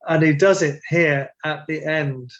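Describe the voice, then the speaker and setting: A middle-aged man talking in an interview as a guest, animated and emotional, laughing often and poking fun at himself. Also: fairly high pitch, measured pace, muffled recording. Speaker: guest, translator and stage performer. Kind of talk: conversational interview.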